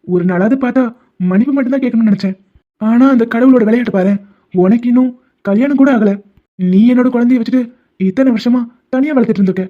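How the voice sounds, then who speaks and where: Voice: mid-range voice, quick pace, pauses often, close to an everyday voice. A voice actor playing a stubborn young man, a doctor, who teases the heroine with pet names and insists she is his wife. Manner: teasing, stubborn, calls her pet names. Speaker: male lead. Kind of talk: animated love-story dubbing. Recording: dull lo-fi audio with faint music.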